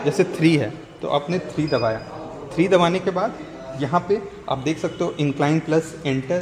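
A young man, a gym member, explaining things on camera in a steady, instructive way, mixing English words into his talk, recorded on a lapel mic in an indoor gym. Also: a little high. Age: young adult. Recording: reverberant gym with faint ambient noise.

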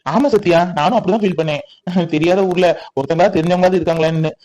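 A man's voice: sits high, fairly even intonation, fast, a little mellow, lightly acted, low-quality recording. A man playing a protective young husband who reassures his wife firmly. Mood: reassuring. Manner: firm, reassuring, bossy. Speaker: actor. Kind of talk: family comedy-drama acting.

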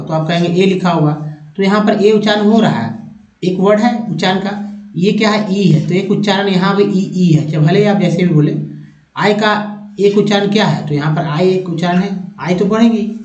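A man's voice: high-pitched, a little mellow. A man teaching English pronunciation, explaining step by step, repeating each word and addressing viewers as friends. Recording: echoey, dull lo-fi room recording.

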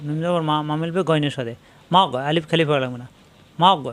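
Man, Bengali-speaking Quran teacher, slightly high voice, syllable-by-syllable lesson, slow modelled recitation. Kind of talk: step-by-step spelling and pronunciation lesson.

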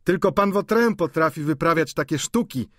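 A man voicing a pert young female servant with a high, cheeky way of talking. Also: animated, moderate pace, a bit bright, dry recording, studio quality.

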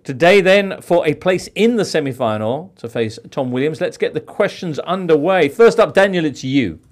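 A man's voice: a little high, animated, moderate pace. A man hosting a football quiz on a podcast, reading questions in a playful, theatrical way. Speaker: quiz host.

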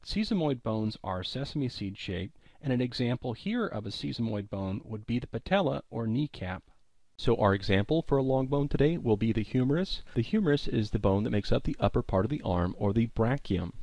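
Male college lecturer, low mellow voice, clear explanatory delivery with recaps, dry close sound. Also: no room sound.

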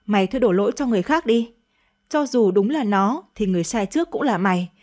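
A woman's voice: mid-range voice, animated, quick pace, darkish tone, close to an everyday voice. A woman reading a radio story, voicing a stern, angry elderly father who scolds his daughter harshly. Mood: scolding.

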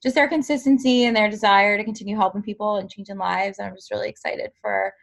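A woman coach giving her team a heartfelt, effusive shout-out. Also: mid-range voice, fairly even intonation, fast talker, creaky. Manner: effusive, heartfelt, soft trailing phrases.

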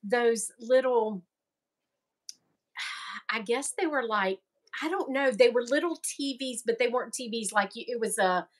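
A middle-aged woman from the American South hosts a knitting podcast. She chats in a loose, rambling way and laughs often. Her voice sits somewhat high. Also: a little slow, long pauses. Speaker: podcast host. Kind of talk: casual chat.

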